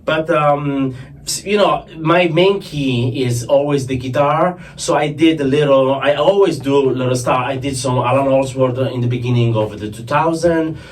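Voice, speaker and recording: A man's voice: medium pitch, moderate pace. A middle-aged Italian man with an Italian accent, a sound engineer speaking English as a guest in a casual interview, rambling and correcting himself as he goes. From Italy. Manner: rambling, self-correcting, laughs easily. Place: rehearsal studio. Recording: slightly distant mic with faint room noise.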